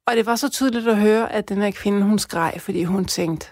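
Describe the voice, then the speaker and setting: A woman from Denmark casually telling a personal story, chatty with many fillers, dropping to a hush and then rising with excitement. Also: mid-range voice, no room sound, clean studio sound.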